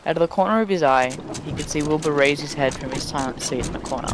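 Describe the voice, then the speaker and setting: A fast-talking man with a fairly high voice gives a dramatic fan fiction reading over voice chat, slipping into casual, sweary remarks to friends. The voice chat mic picks up a noisy background.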